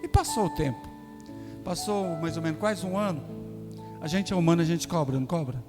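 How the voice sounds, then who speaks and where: A man stands in a church and preaches a testimony, telling the story and acting out what each person said. His voice sits a little high. It rings in a long hall reverb with music playing behind. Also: fairly quick. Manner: folksy storytelling with acted dialogue. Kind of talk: sermon testimony. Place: church sanctuary.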